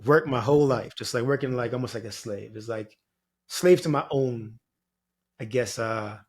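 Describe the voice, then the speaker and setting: The voice belongs to a Jamaican man, a spiritual guide guesting on a podcast, who talks at a moderate pace in a mid-range, slightly mellow voice. He reflects casually and drifts from point to point, leaning on "you know" and "like."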